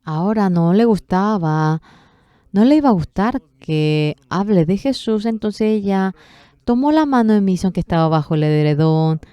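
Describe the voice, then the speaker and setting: A woman's voice: fairly low pitch, dark tone, smooth, dry recording. A woman interpreting a sermon, telling a story earnestly with emotional swells.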